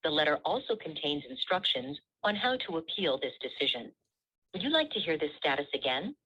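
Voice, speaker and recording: Husky low woman on a recorded phone menu. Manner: measured, even, polite. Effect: recorded phone menu voice heard over a speakerphone. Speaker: automated phone system prompt. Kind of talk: scripted automated phone menu prompts. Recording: muffled speakerphone audio.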